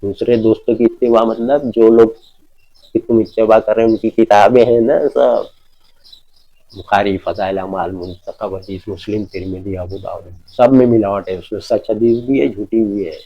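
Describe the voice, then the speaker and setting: A man giving an informal sermon, emphatic, often asking his listeners whether they understand and reciting scripture verses slowly. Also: fairly low pitch, fairly even intonation, highs cut off. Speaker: preacher.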